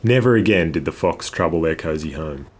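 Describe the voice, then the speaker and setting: A man reading a children's storybook aloud in a measured, expressive way. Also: a bass voice, husky. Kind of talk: scripted storybook narration. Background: guitar music.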